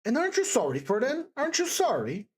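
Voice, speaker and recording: In a dramatised audiobook scene, a woman narrator plays a timid, deeply distressed young woman from a classic storybook, begging desperately with fervent compassion. Her sing-song voice, with a breathy edge, rises high and swings widely. She stammers, halts and breathlessly repeats herself, punctuating with emphatic exclamations.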